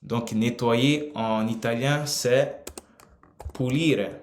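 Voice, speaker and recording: An Italian teacher, male and mid-pitched, gives a live online grammar lesson in an unhurried, drawn-out way with frequent pauses. He is in a room with a roomy echo, and keyboard typing can be heard.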